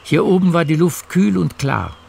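A male actor narrates a literary radio play like a calm storyteller, measured and precise, with a gravelly voice. His pitch sits a little high, and there's slight background noise.

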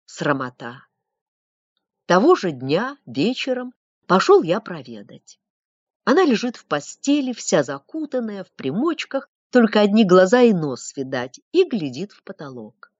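A woman's voice: lowish voice, no echo. A woman reading an audiobook, voicing a staid middle-aged townsman who tells his tale in a sanctimonious, moralizing way. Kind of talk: audiobook reading of a classic story. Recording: dull lo-fi dry recording.

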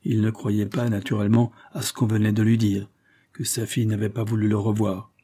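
A man narrating a novel as an audiobook, reading in a steady, theatrical way. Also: on the low side, fairly quick, husky. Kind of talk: scripted narration.

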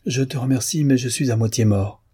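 A man's voice: mid-range voice, fairly quick, warm tone, husky, lightly acted. A man voicing an exhausted young violinist in a storybook reading. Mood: weary. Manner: weary, half asleep.

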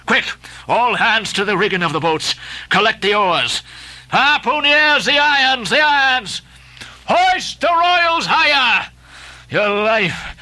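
A man's voice: bright, forceful tone, no echo, full character voice. A man playing a fierce old sea captain, Ahab. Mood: commanding. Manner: booming orders, archaic grandiose speech. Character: obsessed old male sea captain, commanding. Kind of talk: dramatic audiobook reading.

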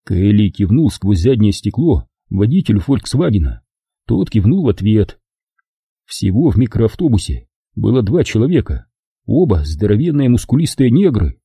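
A man reading an audiobook aloud with lively storytelling narration. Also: lowish voice, normal speed, slightly rough, no echo, clean studio sound. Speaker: audiobook reader. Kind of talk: scripted narration.

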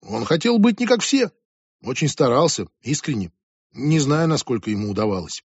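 Male reader doing a soft-spoken dreamy teen girl, near his own voice, audiobook. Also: mid-range voice, big pitch swings, normal speed, breathy edge, no echo, highs cut off. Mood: dreamy, sad. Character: dreamy, haunted teenage girl.

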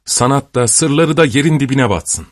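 A man voicing a passionate young male painter in an audiobook, speaking in an excited, fervent, declaring manner. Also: mid-range voice, normal speed, voice pushed up, close to an everyday voice. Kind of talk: audiobook character reading.

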